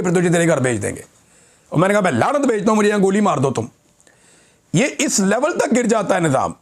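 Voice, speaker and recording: A man with a Pakistani Urdu accent giving indignant, impassioned political commentary in a vlog, speaking straight to his viewers. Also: sits high.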